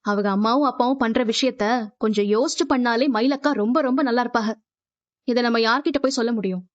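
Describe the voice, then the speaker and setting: An actress playing a caring young daughter-in-law who speaks softly in a Tamil serial drama. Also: female voice, fairly high pitch, fast talker, close to an everyday voice. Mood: concerned. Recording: dull muffled TV-serial audio.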